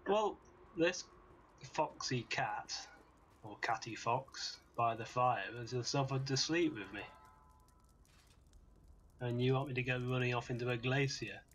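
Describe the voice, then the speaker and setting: A man's voice: mid-range voice, fairly even intonation, unhurried, pauses often, fairly bright tone, a little hiss or hum. A man chatting casually while playing a game with a friend, making wry offhand remarks. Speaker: game streamer. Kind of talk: casual gameplay chat.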